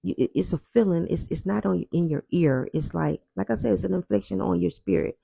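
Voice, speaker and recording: Gravelly man telling a personal testimony. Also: high-pitched, mellow, no room sound. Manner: earnest and reflective, with halting repeats.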